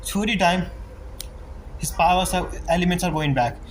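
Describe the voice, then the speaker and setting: A gaming streamer with a higher voice muses and rambles aloud at a moderate pace during a casual playthrough, reading game dialogue out loud. Game music plays behind him, adding background noise.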